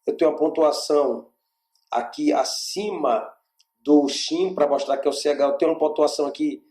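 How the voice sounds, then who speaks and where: A man's voice: on the high side, moderate pace, a little mellow, reverberant. A man with a Brazilian Portuguese accent teaching an online class on biblical Hebrew, explaining step by step and checking in with his students. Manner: explanatory, checks in with frequent "tá?" and "gente". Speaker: Bible language teacher. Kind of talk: online lecture with slides.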